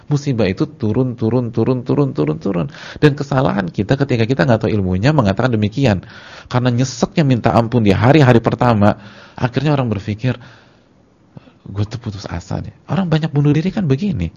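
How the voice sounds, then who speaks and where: A man giving a sermon to his congregation in casual slang, repeating words for emphasis and swinging between loud and soft. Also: mid-range voice, expressive, quick pace, creaky. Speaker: Islamic preacher. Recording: dull lo-fi lecture recording.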